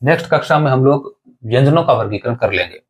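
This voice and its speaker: A man's voice: mid-range voice, lively intonation, fast. A man with an ordinary mid-range voice teaches an exam-prep grammar lesson. He talks his students through each point and repeats it. He poses a question and answers it himself. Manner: explanatory, repeats and asks rhetorical questions, addresses students as companions.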